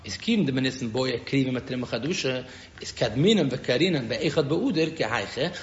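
A man with a Yiddish accent teaching a Talmud lesson as a rabbi, halting and often repeating words as he explains. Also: mid-range voice, animated. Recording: dull echoey room recording with faint noise.

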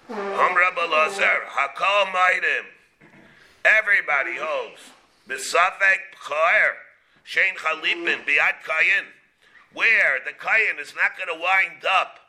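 A man with a very bright, forceful, somewhat high voice gives a Talmud lesson. He works through the text in short phrases, repeats them, and asks questions that he then answers himself. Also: rough recording. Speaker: rabbi teaching a class. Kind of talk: Talmud lesson, reading and explaining.

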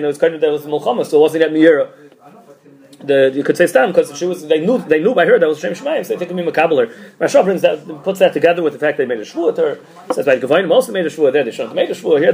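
A man's voice: fairly high pitch, darkish tone. A man giving an informal religious text class, thinking aloud and often repeating and restarting his phrases. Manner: halting, repeats and restarts phrases mid-thought. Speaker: teacher giving a Talmud class.

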